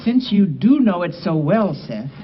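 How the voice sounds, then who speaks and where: High, lilting, eager choir man. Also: sing-song, measured pace, slight background noise. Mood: encouraging. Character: encouraging, eager choir member. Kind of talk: 1980 television film acting. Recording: dull old film audio, faint music.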